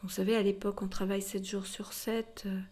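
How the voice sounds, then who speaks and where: A woman with a mid-range, warm voice speaks fairly quickly in a level tone. She's a museum guide telling history informally to a visitor, explaining things straight to her listeners and dropping in rhetorical tags.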